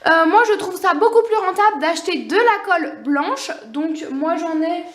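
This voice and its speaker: Very high-voiced young woman, echoey room. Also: expressive. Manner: quick, unscripted, full of fillers and apologies. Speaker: nail art vlogger. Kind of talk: casual tutorial talk.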